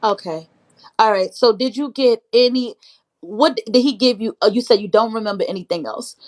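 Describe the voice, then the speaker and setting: A woman's voice: a little high, normal speed. A woman hosting a casual interview, asking probing questions and speaking to her viewers. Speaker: host interviewer.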